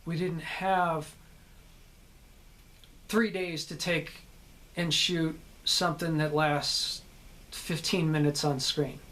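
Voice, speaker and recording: A man's voice: on the high side, steady tone, takes it slowly, pauses often, fairly bright tone. Earnest man explaining acting craft. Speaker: actor. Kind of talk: instructional talk on acting.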